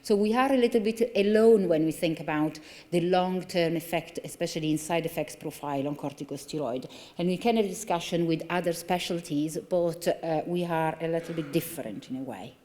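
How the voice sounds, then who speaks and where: In a large, reverberant conference hall, an Italian female consultant neurologist speaks fairly quickly into a lectern microphone. Her lowish voice is mellow, and her earnest, explanatory lecture is peppered with fillers and restarts.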